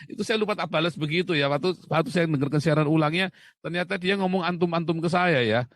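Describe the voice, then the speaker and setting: A man from Indonesia talks in a loose, chatty monologue, often tossing out rhetorical questions and chuckling at his own jokes. His voice sits a little high for a man. The sound is dry and close, with no room echo. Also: a little fast. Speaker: host. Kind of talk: casual monologue.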